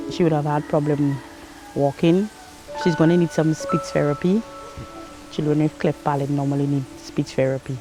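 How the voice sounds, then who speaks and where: A woman with a Saint Lucian accent giving a plain-spoken, candid personal testimony. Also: sits low. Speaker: interviewee, mother and patient. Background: music under the voice.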